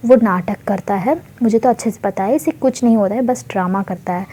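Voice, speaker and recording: A woman's voice: medium pitch, a little fast, dark tone, husky, lightly acted. A woman voicing a teasing older sister who mocks her little brother in a spoken story.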